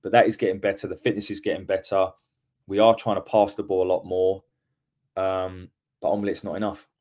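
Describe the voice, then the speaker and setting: Recording from home on a webcam, this podcast host reacts alone to a football match with blunt views, frequently repeating words while correcting himself. He speaks on the low side, with a slightly mellow tone.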